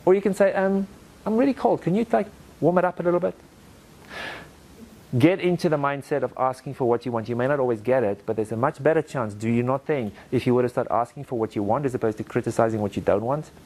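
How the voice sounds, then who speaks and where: A man teaching a presentation skills workshop to a live audience, animated and direct, acting out quotes in playful voices. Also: medium pitch, fast talker, hardly any pauses. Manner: direct, asks the audience to repeat lines to each other. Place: training room with a live audience.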